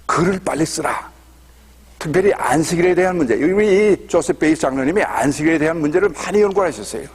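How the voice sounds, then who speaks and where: A man guiding a church history tour, telling a story in an animated way and asking the audience questions. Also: a little high, slightly rough. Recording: long hall reverb.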